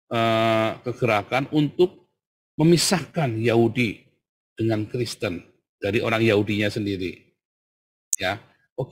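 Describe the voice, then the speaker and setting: A middle-aged pastor teaching in a relaxed sermon voice. He keeps checking in with his listeners as he explains. His pitch sits in the ordinary middle range for a man. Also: slightly rough. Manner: conversational, frequent "ya" tag questions. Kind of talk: sermon-style Bible teaching.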